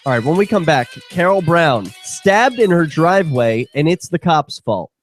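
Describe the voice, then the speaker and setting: A man's voice: fairly high pitch, expressive, moderate pace, soft background music. A man hosting a talk radio show, ranting in a profane, heated and sarcastic way. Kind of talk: casual talk radio rant.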